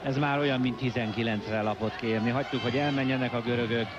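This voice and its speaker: A Hungarian man commentating live on a water polo match in an excited, emotionally invested way. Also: mid-range voice. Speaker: sports commentator. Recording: dull broadcast, loud pool crowd noise. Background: noisy outdoor pool crowd.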